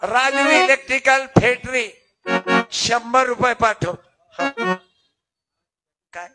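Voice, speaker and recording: A man's voice: extremely high pitch, slow pace. An older man, preaching a folk kirtan and teasing his audience. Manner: chatty, teasing, calls on audience members. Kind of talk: devotional folk sermon with audience. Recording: loud accordion music behind.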